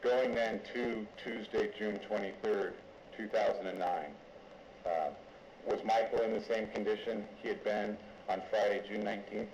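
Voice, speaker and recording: Deep-voiced male lawyer in an echoey room. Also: steady tone, darkish tone. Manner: deliberate, halting step-by-step questioning. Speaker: lawyer questioning a witness. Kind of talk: formal courtroom examination. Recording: echoey, dull courtroom audio with noise.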